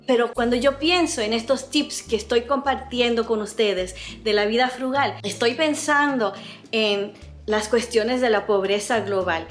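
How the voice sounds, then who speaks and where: An American woman in her fifties who grew up in Latin America hosts a frugal living vlog, sharing earnest, thoughtful reflections with feeling. Her accent is American mixed with Latin American Spanish, and her voice sits on the high side.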